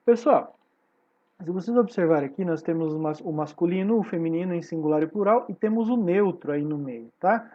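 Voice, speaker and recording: A woman's voice: fairly low pitch, lively intonation, brisk, muffled recording. Patient Brazilian woman teaching Spanish. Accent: Brazilian Portuguese. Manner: explains patiently, checks in with "tá?" often. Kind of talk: online class lecture.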